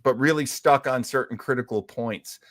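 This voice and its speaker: A man with a medium-pitched voice talks at a moderate pace, recorded dry with clean studio sound. He hosts a livestream about classic radio and comics, offering casual live chat commentary in an enthusiastic, rambling way with hesitant phrasing.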